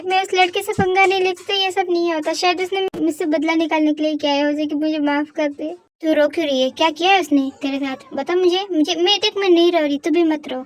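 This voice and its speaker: A young woman voicing a caring friend who apologizes and comforts a crying girl in a fan audio drama. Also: very high voice. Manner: soothing, worried, apologetic.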